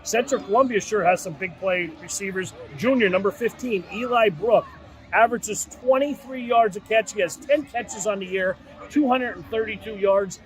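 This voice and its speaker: Brief: male co-host, very high voice, brisk stat rundown. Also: low-quality recording. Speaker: sports show co-host. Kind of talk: football preview with player stats.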